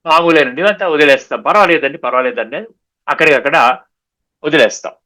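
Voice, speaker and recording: A man giving a spiritual discourse, explaining patiently, slowing down on key sayings and often checking that listeners understood. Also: on the high side, pushed and bright. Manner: mixes English words into his talk; repeats and slows down on key sayings. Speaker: spiritual lecturer.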